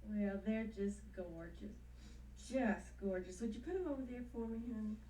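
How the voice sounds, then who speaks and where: An actress playing a hopeful country singer wife in a television soap, with a Southern American accent and folksy determination. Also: female voice, medium pitch, normal speed, mellow, soft background music, natural voice. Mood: gentle, resolute. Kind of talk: television soap opera acting. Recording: roomy, distant, hissy 1970s TV soundtrack.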